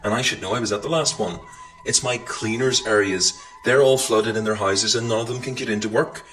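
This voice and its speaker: A man's voice: fairly low pitch, fairly even intonation, a little fast, a bit bright, soft background music, rough recording. A man doing a snooty, pompous caller in a comedy sketch. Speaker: comedian playing a posh prank caller.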